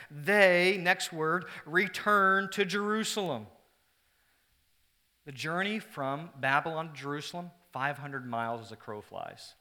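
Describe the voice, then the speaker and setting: This pastor's voice sits fairly high as he delivers a sermon to his congregation. Stretches of forceful emphasis give way to quiet sincerity, and he jokes with the listeners now and then.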